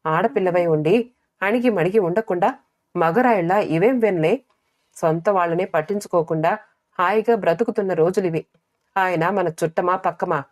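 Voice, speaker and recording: A woman's voice: normal speed, natural voice. A woman voicing a scolding, fretful mother. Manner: scolding, shrill when angry. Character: worried scolding middle-aged mother.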